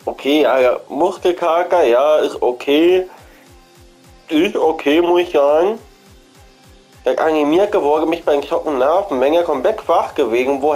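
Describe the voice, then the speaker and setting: With a fairly high, darkish voice, a man who runs a gaming channel strolls through an in-game shop while suffering from a cold. His talk is casual and repetitive, full of thinking out loud.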